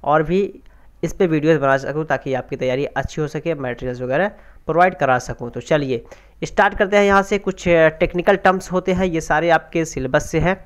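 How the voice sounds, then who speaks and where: A man's voice: on the high side, fairly quick. A man teaching an exam preparation grammar lesson, explaining step by step and asking and answering his own questions. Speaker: Urdu language teacher.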